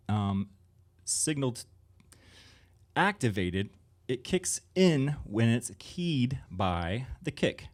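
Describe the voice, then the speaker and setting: A man's voice: fairly low pitch, darkish tone. A man, a music producer, giving a live conference workshop to an audience in a room, talking in a casual, rambling way full of fillers and asides.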